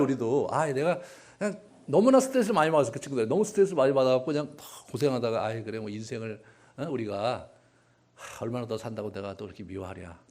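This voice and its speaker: A man's voice: medium pitch, a bit bright. A male pastor preaching a sermon in a conversational, humorous way, often acting out voices.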